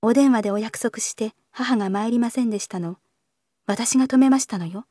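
A woman's voice: on the high side, steady tone, a little fast, warm tone, no room sound, studio quality, natural voice. A woman voicing a well-bred young woman who pleads in polite, formal speech with a trembling voice. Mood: confiding.

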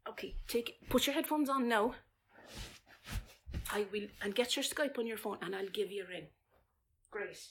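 In a playful, bustling intimate audio roleplay, a woman with an Irish accent takes the role of a flustered, chatty wife. Her voice is medium-pitched, halting and coaxing, and it often slips into a breathy whisper.

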